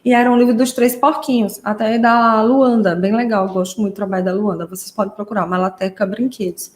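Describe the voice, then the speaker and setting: A woman's voice: mid-range voice, steady tone, brisk. A woman speech therapist teaching parents in a live online class, explaining patiently and often checking in with "né?". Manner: warm explanatory, frequent "né?" tags. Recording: roomy echo.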